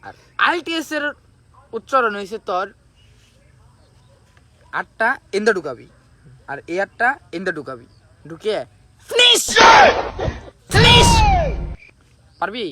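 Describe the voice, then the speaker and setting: An actor playing a harsh, bossy English tutor in a comedy skit, scolding and bursting into shouted words. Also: male voice, high voice, big pitch swings, moderate pace, pauses often, background noise. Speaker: teacher.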